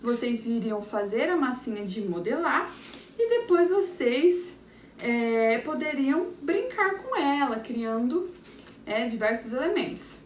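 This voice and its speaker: Sounding out words syllable by syllable, a Brazilian woman who teaches primary school goes back over a lesson for young children. Her high voice swings widely in pitch at a slow pace, with a Brazilian Portuguese accent. Captured from a distance, the audio is echoey with a faint background hum.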